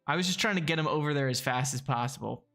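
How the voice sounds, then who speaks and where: A man's voice: on the high side, fast talker, fairly bright tone, faint music behind. A man casually chatting while playing a strategy game on a live stream, easygoing and hesitant, with plenty of ums and chuckles.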